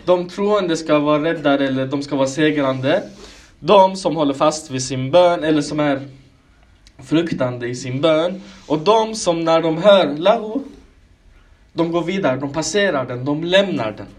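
A man preaching a sermon, calling his listeners brothers and sisters and pressing them with one rhetorical question after another. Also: a little high. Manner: clears his throat now and then.

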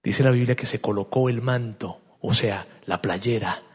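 A middle-aged man preaching a sermon as a pastor, telling stories and moving between loud, animated bursts and low, hushed passages. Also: normal speed, husky. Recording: long reverb of a large hall.

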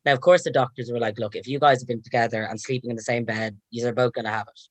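Calm, measured young man, dry sound. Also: mid-range voice, no room sound. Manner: calm, measured, steady recounting. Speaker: guest. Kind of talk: casual storytelling chat.

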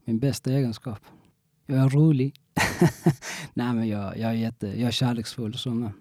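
A young man telling his own story in a casual interview, halting often and restarting with many fillers. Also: medium pitch, fairly even intonation, mellow, dry recording, studio quality.

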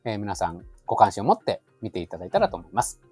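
Male expert, polite explanatory talk, animated intonation, brisk pace, softened by tentative phrasing. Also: fairly low pitch, husky, dry recording. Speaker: expert guest, labor consultant. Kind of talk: conversational advice. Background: faint music.

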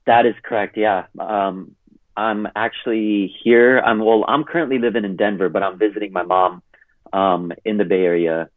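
This is a Californian man about to hit thirty, chatting casually as a podcast interview guest; he rambles and says "like" constantly. His pitch is fairly low and his intonation fairly even, at a moderate pace. The recording is dry, over a tinny phone line.

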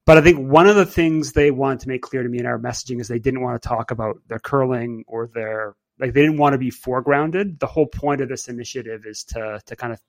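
A man with a mid-range voice hosts a podcast, speaking briskly with few pauses. He talks casually yet thoughtfully, filling his conversational speech with fillers and restarts.

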